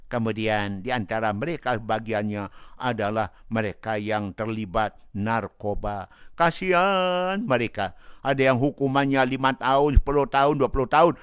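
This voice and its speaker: A man's voice: lowish voice, clear, resonant tone, no room sound, clean studio sound. A man giving religious advice as a preacher, retelling a story in a folksy, repetitive way with frequent rhetorical asides. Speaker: Islamic preacher answering a listener.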